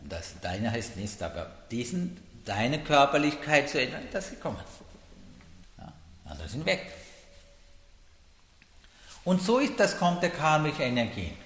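A man gives a Buddhist dharma talk, halting and grammatically loose, often pausing to check in with his listeners. His pitch rises and falls with lively movement. The sound carries a long, roomy echo from a large hall. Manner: halting, broken grammar, frequent "Ja?" check-ins. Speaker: Buddhist teacher.

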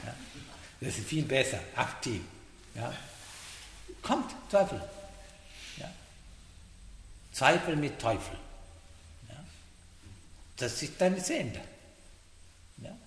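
A man giving a meditation talk in halting German, often checking in with a questioning "ja?". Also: medium pitch, sing-song, a bit bright. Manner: halting non-native German, frequent "ja?" checks. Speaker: meditation teacher. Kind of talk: dharma talk. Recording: echoey hall, faint noise.

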